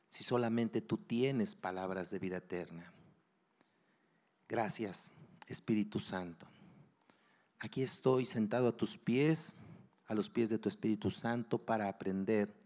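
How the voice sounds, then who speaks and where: A man preaching, opening with a soft, slow prayer before telling a story. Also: lowish voice. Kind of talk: sermon.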